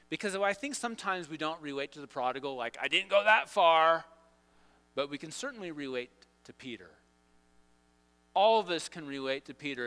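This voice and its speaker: Forceful preacher in a ringing hall. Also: male voice, fairly high pitch. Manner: storytelling with playful asides and restarts. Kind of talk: sermon.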